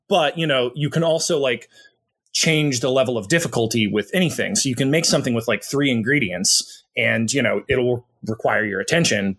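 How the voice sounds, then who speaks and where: A man's voice: medium pitch, fairly bright tone, breathy edge. A young adult man talking casually about his own life, rambling and restarting his sentences, with lots of fillers. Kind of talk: casual conversation.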